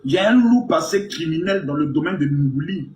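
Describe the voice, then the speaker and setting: A man in his forties hosting a live stream, crude and teasing, with mock indignation that swings between loud outbursts and low mutters. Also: animated, a little fast, reverberant, slight background noise. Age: 40s. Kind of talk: provocative live stream banter.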